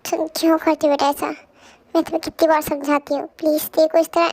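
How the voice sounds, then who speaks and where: A caring middle-aged mother-in-law who keeps fussing and worrying, played by a woman. The voice is very high, with a dry, close sound. It comes from a fan audio drama dub. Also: little pitch movement, a little fast, darkish tone, dry recording. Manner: fussing and anxious.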